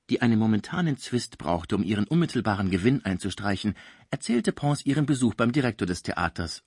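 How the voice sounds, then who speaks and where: Husky, expressive male audiobook narrator. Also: lowish voice, no room sound, studio quality. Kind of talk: scripted narration of a classic novel.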